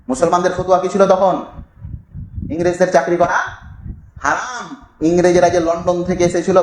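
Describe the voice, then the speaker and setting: Emphatic preacher with an echoing voice. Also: male voice. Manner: rhetorical questions, emphatic swells in pitch and volume. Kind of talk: sermon-style history talk. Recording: echoey room, faint noise.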